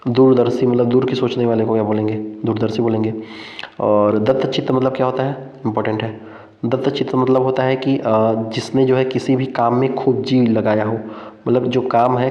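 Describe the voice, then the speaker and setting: Repetitive man teaching in an echoey room. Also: medium pitch. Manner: repeats each term several times, quizzing the listener. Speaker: Hindi exam-prep teacher. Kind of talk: online exam-prep lesson. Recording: echoey, dull lo-fi room sound.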